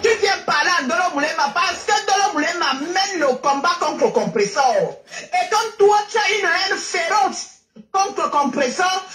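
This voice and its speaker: A woman's voice: sits high, fairly bright tone, reverberant. A tearful woman giving a repetitive, preachy rant on a live stream from her car. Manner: emotional, preachy, repeats herself. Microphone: phone while driving.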